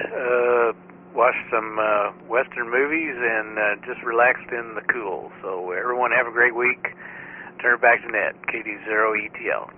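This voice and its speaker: Halting man on a tinny radio link. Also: medium pitch, slight background noise. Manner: hesitant, halting phrasing. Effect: two-way radio. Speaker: amateur radio operator checking in. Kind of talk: casual radio chat about the weekend.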